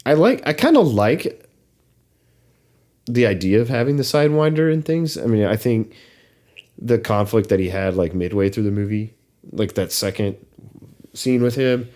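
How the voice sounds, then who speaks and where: A young man with a fairly low voice chats loosely on a podcast. He circles his thoughts, restarting sentences and leaning on fillers as he works out what he thinks. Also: expressive, moderate pace, pauses often, dark tone. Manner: hesitant, many fillers and restarts. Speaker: podcast co-host. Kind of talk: casual movie discussion.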